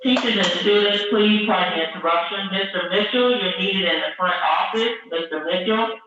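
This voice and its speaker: A man's voice: sits high, moderate pace, slight background noise. A man making a formal announcement over a school intercom, paging a teacher to the front office. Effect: school intercom loudspeaker. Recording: echoey muffled intercom heard from far off.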